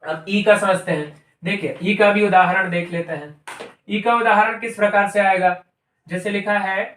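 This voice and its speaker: A man's voice: high-pitched, steady tone, normal speed, a bit bright, recorded from a distance. A man teaching a grammar lesson, explaining step by step and repeating each term as he goes. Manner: explains step by step, repeating terms and asking "ठीक है". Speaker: Sanskrit and Hindi grammar teacher. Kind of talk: classroom-style grammar lesson. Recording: echoey room, voice from off-mic.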